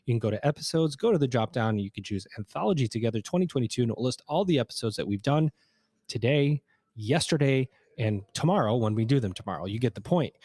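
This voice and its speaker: A man's voice: mid-range voice, husky, no room sound. Upbeat guy hosting a conference podcast, jokey, kinda breathless, dry sound. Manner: energetic, joking, fast-talking. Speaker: podcast host. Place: conference hotel.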